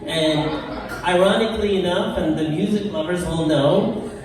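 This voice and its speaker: On a bar stage, an older comedian from Iraq jokes at his own expense in a high voice, speaking with an Iraqi Arabic accent. His punchlines come unhurried, broken up by laughter. A faint hiss or hum sits on the recording, which sounds distant and echoey.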